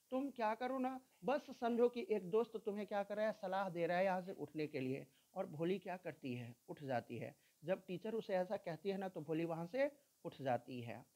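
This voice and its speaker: A woman's voice: mid-range voice, warm tone. A woman teacher, reading an English story line by line and explaining each line in Hindi. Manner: reads English text slowly, then explains in Hindi.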